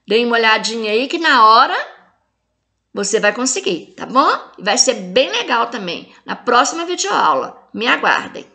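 A woman teacher with a Brazilian Portuguese accent records a video lesson for young children, explaining the homework one numbered step at a time. Her voice is bright and a little high. She speaks to the pupils affectionately. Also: big pitch swings, moderate pace. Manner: clear step-by-step instructions. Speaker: primary school teacher.

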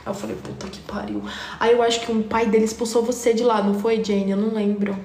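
A woman's voice: fairly high pitch, fast, reverberant. Young São woman telling a story. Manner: animated, slangy, addresses chat directly. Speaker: live streamer. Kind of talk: casual storytelling to viewers.

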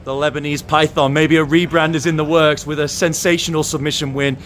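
A man's voice: a little high, flat delivery, a little fast, fairly bright tone. A man interviewing as a sports reporter, articulate and complimentary. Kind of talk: interview questions and commentary. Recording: faint background noise.

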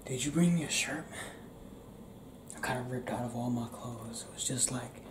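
A young adult man, speaking in a mid-range voice, whispers much of an ASMR roleplay in which he is a restless, tender werewolf confiding in his partner. His speech is hushed and halting. Background noise is clear and the small indoor room gives a roomy echo.

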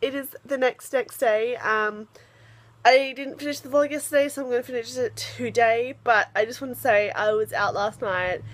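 A woman's voice: on the high side, moderate pace. Chatty young Australian woman vlogging. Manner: chatty and rambling, lots of fillers. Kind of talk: casual vlog chat.

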